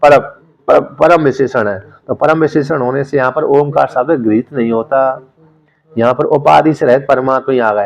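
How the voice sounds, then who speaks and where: A man lecturing on a Sanskrit text, explaining terms and repeating words slowly to drill their pronunciation. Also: mid-range voice, creaky, highs cut off. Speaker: Sanskrit scripture teacher.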